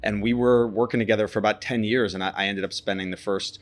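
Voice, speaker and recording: Looking back on his career in a relaxed interview, a male guest talks at a quick pace in a lowish voice with fairly even intonation. He is reflective and often starts his sentences over.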